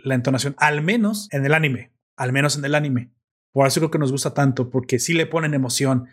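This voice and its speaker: A man with a voice a little higher than usual holds forth in a casual chat. He is animated and opinionated, and he rambles from one point to the next.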